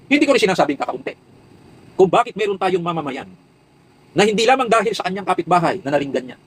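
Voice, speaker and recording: A man's voice: high-pitched, husky, poor audio. A man delivering an impassioned commentary monologue, preaching with rhetorical questions and repeated emphatic lists.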